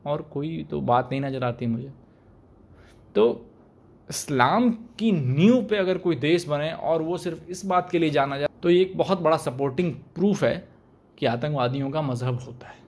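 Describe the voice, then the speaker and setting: Here a young man comments to camera for YouTube, arguing sharply and asking rhetorical questions at a moderate pace. His voice is fairly high with a darkish tone. The setting is a small room with a plain wall, captured by a desk mic placed in front of him.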